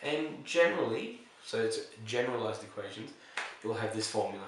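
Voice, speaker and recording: A male chemistry teacher explaining reaction types in a relaxed way, pausing with fillers and correcting himself. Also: lowish voice, recorded from a distance, a little hiss or hum. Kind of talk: recorded lesson explaining reactions. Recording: echoey room, voice off-mic.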